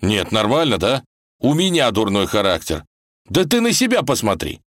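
A man's voice: medium pitch, sing-song, fairly quick, no echo, clean studio sound, voice pushed up, natural voice. A man voicing a stubborn, hot-headed young tsarevich in a storybook reading, argumentative and defensive.

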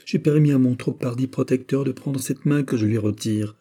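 A man's voice: mid-range voice, normal speed, warm tone, voice pushed up, natural voice. A man voicing a proud young Castilian woman who sharply rebuffs a suitor, in a storybook reading. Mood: indignant.

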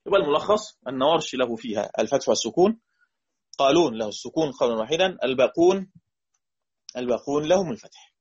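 Husky Egyptian man teaching Quran recitation. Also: medium pitch, lively intonation, no room sound, dull audio. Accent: Egyptian Arabic. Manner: explains, then chants quoted verses slowly. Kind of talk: recorded lesson on recitation variants.

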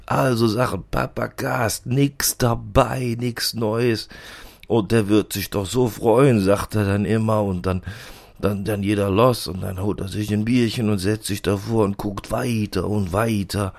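A man doing a gravelly Rhineland lab helper. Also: on the low side, steady tone, a little slow, darkish tone. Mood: grumbling. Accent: Rhineland German. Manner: rambling, fumbling for names, complaining. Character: gossipy grumbling male lab assistant. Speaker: podcast character. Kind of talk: comic character monologue.

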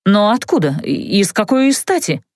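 Stern middle-aged mother, sharp and scolding, a woman reader doing her, lively pitch, dry sound. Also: normal speed, no echo, lightly acted. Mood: stern, angry. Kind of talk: audiobook character voice.

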